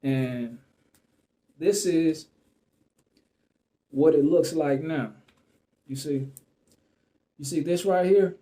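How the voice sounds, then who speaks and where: A man's voice: on the high side, drawn-out words, pauses often, dark tone, a little hiss or hum. A man telling a personal story to the camera in a loose, rambling way, full of fillers and restarts. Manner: loose and rambling, full of "you know what I'm saying" and fillers; restarts and trails off mid-sentence.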